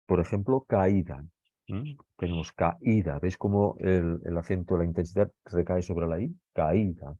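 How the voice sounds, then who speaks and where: A man's voice: deep voice, moderate pace, warm tone, no room sound. A male teacher from Spain giving a grammar lesson, explaining patiently step by step and often checking in with his listeners. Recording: dull lo-fi recording.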